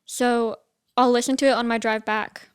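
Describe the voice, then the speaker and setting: A young woman co-hosting a casual podcast, her voice sitting on the higher side. She rambles cheerfully and fills her talk with "like". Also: flat delivery, normal speed, smooth. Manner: chatty, leans on "like" a lot. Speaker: podcast co-host.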